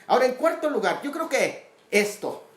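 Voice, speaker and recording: A man's voice: very high voice, sing-song, moderate pace, fairly bright tone. A man teaching a Bible study lecture on theology, explaining terms methodically, step by step, and stressing key points. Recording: roomy echo.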